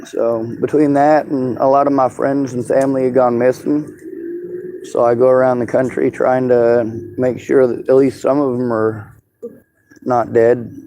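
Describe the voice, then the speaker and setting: A man's voice: mid-range voice, level tone, measured pace, mellow. A man with a Southern-sounding drawl and toothless, slightly slurred speech, chatting casually in a blunt, rambling way full of swearing. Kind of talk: casual street conversation. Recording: clearly noisy outdoor recording with vehicle sounds.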